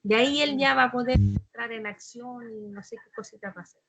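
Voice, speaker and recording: A woman answers a study question in a Bible class with a fairly high voice. She speaks hesitantly and corrects herself as she goes. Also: fairly quick, a bit bright, faint music behind.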